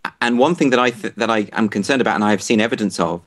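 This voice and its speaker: A man's voice: on the low side, rapid-fire, fairly bright tone. A man interviewing a guest, asking probing questions thoughtfully with stammered restarts. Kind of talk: conversational interview.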